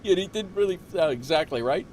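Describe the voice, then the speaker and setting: A man's voice: sits high, expressive, brisk, a little mellow, slight background noise. A man chatting casually while streaming a flight sim, making teasing, jokey asides. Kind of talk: casual livestream commentary.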